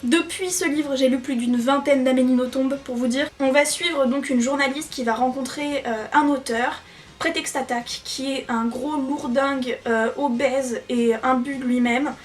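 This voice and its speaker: Young female book vlogger, high bright voice, eager and chatty, mic a bit distant. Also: steady tone, moderate pace. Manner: chatty and enthusiastic, with frequent fillers. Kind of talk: casual book recommendations. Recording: voice a little off-mic, faint music behind.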